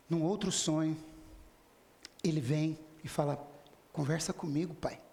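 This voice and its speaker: Gravelly man lecturing in an echoey hall. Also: on the high side, darkish tone. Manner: retells dialogues in quoted voices, speaks directly to listeners. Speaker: spiritist lecturer. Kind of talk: storytelling lecture to an audience. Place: spiritist center lecture hall.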